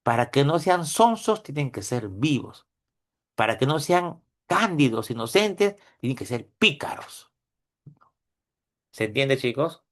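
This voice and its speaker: A man's voice: mid-range voice, sing-song, measured pace, fairly bright tone. A middle-aged Peruvian man giving a conversational university lecture, often tagging his points with questions to his students. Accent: Peruvian Spanish. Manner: conversational, frequent tag questions; retells anecdotes with quoted voices. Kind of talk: classroom lecture.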